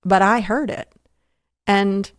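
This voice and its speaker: A woman guest on a podcast interview, earnestly telling a faith story, halting with restarts and fillers. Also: medium pitch, fairly even intonation, dry recording, clean studio sound.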